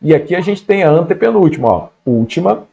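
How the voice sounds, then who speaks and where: A man's voice: on the high side, big pitch swings, a little fast, creaky, dark tone, dull audio. A man with a Brazilian Portuguese accent giving an exam-prep grammar lesson in a casual way, often checking in with his students. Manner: casual, keeps checking in with "beleza?".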